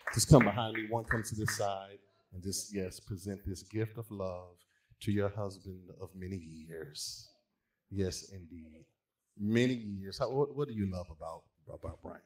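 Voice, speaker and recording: Low-voiced pastor calling people up. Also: male voice, noisy background. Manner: warm, encouraging, calls people up. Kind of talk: hosting a church brunch presentation.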